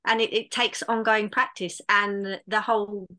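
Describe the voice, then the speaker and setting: A woman's voice: medium pitch, flat delivery, a little slow, sharp tone. A woman in casual conversation, talking in an earnest, reflective way with many restarts. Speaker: podcast guest.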